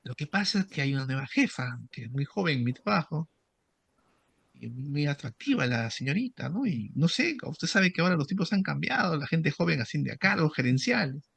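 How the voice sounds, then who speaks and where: A man's voice: fairly high pitch, very animated, moderate pace, creaky, fairly bright tone, slightly rough, dry recording, full character voice. A man acting out the words of a nervous married male patient who confesses hesitantly and apologetically. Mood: worried.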